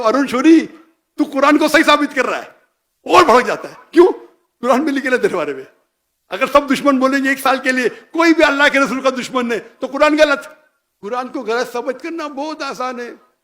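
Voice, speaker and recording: A man's voice: very high voice, fairly bright tone. A man giving a public religious talk, emphatic and challenging, firing off rhetorical questions and dropping in English phrases. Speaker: Islamic preacher.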